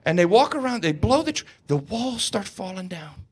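A male pastor preaching a sermon in an animated, conversational storytelling style, with touches of humor. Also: high voice, normal speed.

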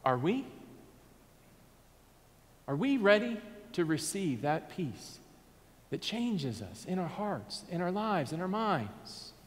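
Southern US pastor, 30s, mid-high voice, earnest sermon from the pulpit, echoing sanctuary. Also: male voice, big pitch swings, takes it slowly, long pauses. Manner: earnest, drops to a soft hush on key words. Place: church sanctuary, in front of a Christmas tree. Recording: long hall reverb.

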